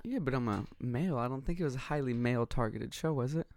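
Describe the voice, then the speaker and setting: A man's voice: medium pitch, quick pace, darkish tone. A man chatting casually in an intense, passionate, assertive way, often dropping "like" into his sentences. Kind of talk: casual conversation.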